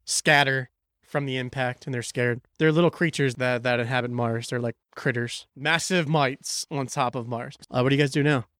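A man's voice: mid-range voice, steady tone, moderate pace, fairly bright tone, dry recording, studio quality. A man narrating as game master of a tabletop role-play, joking and loose, often restarting phrases.

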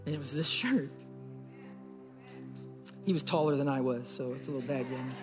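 In a medium-pitched voice and a slightly fast delivery, a young pastor earnestly tells a story during his sermon. He speaks straight to the congregation in a church sanctuary. Faint music plays in the echoey hall.

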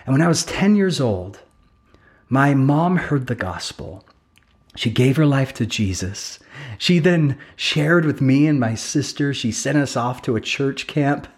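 A man's voice: mid-range voice, lively intonation, unhurried. A man from England preaching a sermon as a pastor, earnest and emphatic, building his points with repeated phrases and self-deprecating asides.

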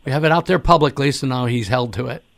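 A male host chats through a casual interview, teasing his guests. He talks fast in a gravelly voice. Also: medium pitch, fairly bright tone. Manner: joking, teasing, rapid questions.

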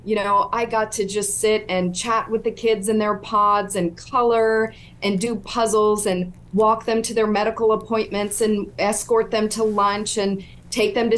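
A middle-aged woman appears as a whistleblower guest on a podcast interview, her voice of middling pitch for a woman. She tells her story earnestly and step by step, staying steady and engaged throughout the conversation.

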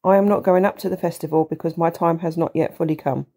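A woman reading scripture aloud in a measured, steady way. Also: lowish voice, husky. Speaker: scripture reader.

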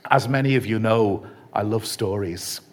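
A man preaching a retreat sermon, telling a story in a measured, reflective way. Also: on the low side. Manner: measured, reflective, softly emphatic.

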